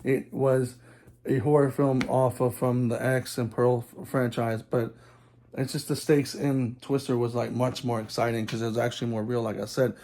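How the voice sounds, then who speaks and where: A man's voice: medium pitch, flat delivery, normal speed, warm tone, slight background noise. Texas guy doing a chill movie review vlog, lots of um and starting over. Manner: rambling, many ums and restarts. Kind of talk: casual film review vlog.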